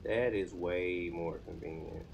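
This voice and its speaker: Chatting casually on a live coding stream, a thirty-something American man who is learning web development thinks aloud while busy with a task. His voice is very deep and creaky, steady, unhurried and a little mellow. Noticeable background noise and room ambience sit behind him.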